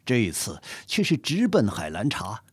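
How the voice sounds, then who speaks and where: A man narrating a story in an expressive, dramatic manner. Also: fairly low pitch, moderate pace, slightly rough, no echo, clean studio sound.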